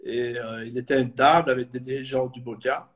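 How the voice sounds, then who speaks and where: Speaking a little fast with a steady tone and medium pitch, a thirty-something guest from Belgium represents a supporters club in a relaxed online interview. He hesitates a lot, filling gaps and restarting sentences.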